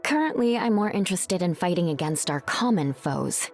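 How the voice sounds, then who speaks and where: A woman's voice: lowish voice, expressive, normal speed. A woman voicing a confident, caring superhero mother in a video game, composed and wry. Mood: firm, composed. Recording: music behind.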